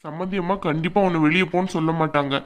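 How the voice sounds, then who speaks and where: Speaking very fast in a low, steady voice near her natural one, a woman voices a cartoon father-in-law. She makes the older man firm and fatherly as he reasons.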